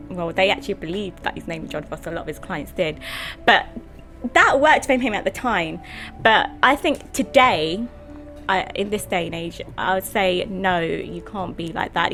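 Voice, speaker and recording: A chatty woman co-hosting a podcast, her voice sitting a little low for a woman. She talks conversationally and fills her pauses with "um" and "you know". Faint music plays underneath. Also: fairly bright tone. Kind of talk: casual podcast chat.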